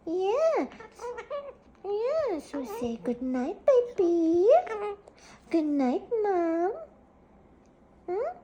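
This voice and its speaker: A woman talking softly to her pet at bedtime in doting, sing-song baby talk. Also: extremely high pitch, very animated, very slow, long pauses, dull audio, a crowd in the background. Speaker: pet owner.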